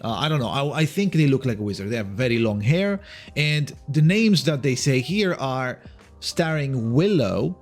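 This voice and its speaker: A man's voice: mid-range voice, sing-song, moderate pace, faint music behind. A man giving casual, speculative video commentary, rambling and hesitant, repeating words and swearing lightly. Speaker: video creator giving game news.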